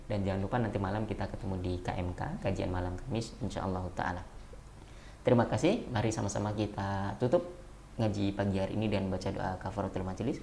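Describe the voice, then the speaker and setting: Woman moderator wrapping up a study session, super low dark voice, brisk, faint background hum. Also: fairly even intonation. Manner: polite, formal. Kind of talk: closing announcements.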